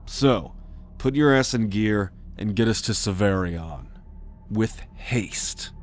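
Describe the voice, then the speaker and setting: Gruff and resolute, a man with a lowish voice and lively intonation acts as a roguish alien scout captain in sci-fi ASMR roleplay. Protective and authoritative, he issues orders at a measured pace.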